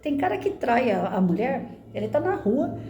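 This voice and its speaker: A woman's voice: a little high, sing-song, moderate pace, dark tone, reverberant, a little hiss or hum. A woman in her fifties, a former teacher, giving earnest conversational advice on family life and often ending phrases with tag questions. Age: 50s. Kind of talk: casual spoken reflection to camera.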